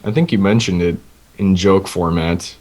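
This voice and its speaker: A man's voice: low-pitched, moderate pace, darkish tone. A man co-hosting a casual podcast, laid-back and chuckling along. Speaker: podcast co-host. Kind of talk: casual chat.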